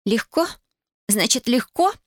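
A woman's voice: fast talker, no echo, clean studio sound. Woman voicing a hurt, accusing young woman. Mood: indignant. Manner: high, loud, reproachful outbursts.

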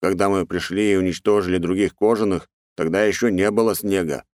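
A man voicing a large, deferential male insect herald reporting to his queen, with a smooth voice. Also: low-pitched, steady tone, fairly quick, darkish tone, dry recording, clean studio sound, close to an everyday voice.

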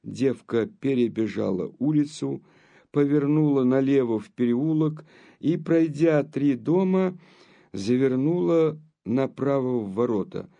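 A man narrating a classic novel as an audiobook in a slow, measured storytelling manner. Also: medium pitch, lively intonation, gravelly, warm tone, muffled recording.

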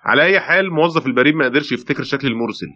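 In dull, lo-fi radio drama sound, an actor plays a brusque Egyptian policeman, a man who talks extremely fast. He is sceptical and insistent, pressing every point bluntly. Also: mid-range voice, bright, forceful tone. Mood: brisk, explaining. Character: brusque, sceptical male police brigadier, pressing his case. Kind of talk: radio play acting. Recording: dull lo-fi audio.

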